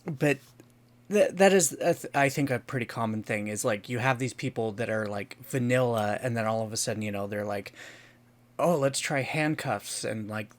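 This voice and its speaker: A man's voice: on the low side, a little fast. A man co-hosting a podcast, explaining things casually with lots of fillers and sassy asides. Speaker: podcast co-host.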